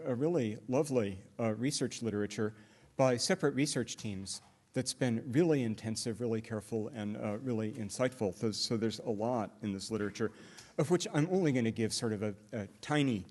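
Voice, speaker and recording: A middle-aged man lecturing at a conference, explaining step by step and often pausing on "uh" fillers and restarts. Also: mid-range voice, darkish tone. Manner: hesitant, many "uh" fillers and restarts; explanatory, walks through examples step by step. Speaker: linguistics lecturer. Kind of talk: academic conference talk.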